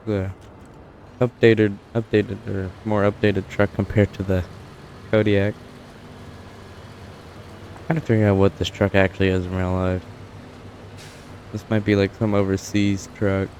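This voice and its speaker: A man's voice: sits low, completely flat delivery, moderate pace, long pauses, darkish tone, a little hiss or hum. A young man giving casual, rambling commentary while playing a truck-driving game, with dry asides and frequent self-corrections. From United States. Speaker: gameplay streamer. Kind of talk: casual let's-play commentary.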